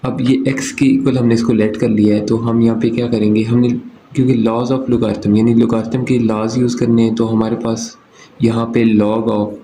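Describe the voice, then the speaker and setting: With a dark, mid-range voice and flat delivery at a moderate pace, a Pakistani man walks through a maths lesson one step at a time. He poses questions and answers them himself, frequently saying "okay," against a roomy echo and faint background noise.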